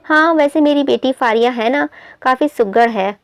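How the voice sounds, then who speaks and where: A woman's voice: high-pitched, moderate pace, dry recording. A woman voicing a middle-aged aunt who is falsely sweet and bossy.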